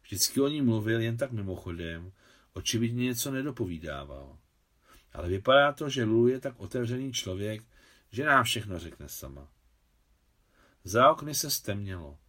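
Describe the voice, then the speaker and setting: A man narrating a novel, reading the dialogue lines in a higher voice for the women. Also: very animated, fairly bright tone. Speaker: audiobook narrator.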